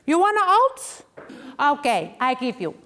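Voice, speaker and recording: A naively cheerful newly arrived woman, put on by a woman performer gushes in broken English. The voice runs high and slow, and the cheer is laid on thick. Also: very animated, a bit bright, exaggerated voice. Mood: mock-cheerful.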